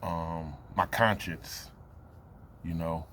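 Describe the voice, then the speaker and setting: A man in his late thirties giving a reflective personal talk to camera, loose and halting, with many fillers and pauses. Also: deep voice, steady tone, a bit bright, slight background noise. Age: 30s. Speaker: vlogger.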